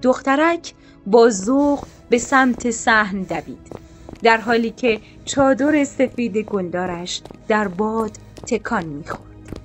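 A woman narrating a scripted story in a calm, measured, literary way. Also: a little high, soft background music.

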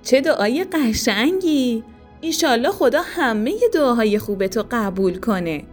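A tender mother's voice, played by a woman in a storybook, gentle and reassuring. Her pitch sits a little high and moves in a lively, sing-song way. Faint music plays behind her. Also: lightly acted. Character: tender, patient mother comforting her daughter.

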